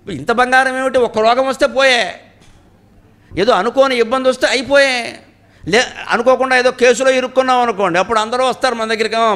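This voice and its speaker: At a memorial event in a cultural hall, a high-pitched, middle-aged man with a Telugu accent offers a spiritual talk built on storytelling and rhetorical questions, his voice shifting from loud to quiet.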